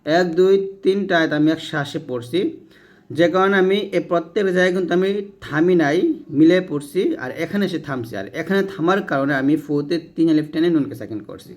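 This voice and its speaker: A man teaching Quran reading step by step, spelling out letters and vowel marks, then chanting the verses in long drawn-out tones. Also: a little high, a little mellow. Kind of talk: step-by-step recitation lesson.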